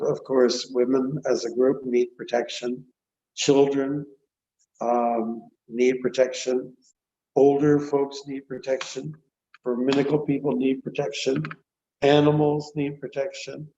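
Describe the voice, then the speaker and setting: A man giving an extempore scripture lecture as a religious class teacher, with halting, deliberate phrasing. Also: medium pitch, dark tone. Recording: dull, echoey online call, faint noise.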